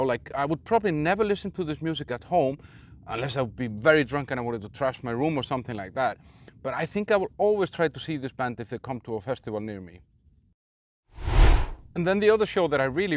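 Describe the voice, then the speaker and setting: A man's voice: fairly high pitch, slight background noise. Icelandic man reviewing a metal festival. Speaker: metal channel host.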